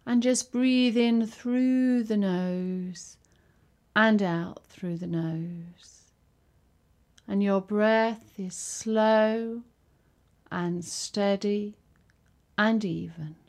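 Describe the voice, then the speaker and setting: Female yoga instructor, unhurried and gentle, leaves long pauses between soothing cues, mid-pitched voice. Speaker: yoga teacher. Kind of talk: guided yoga and relaxation.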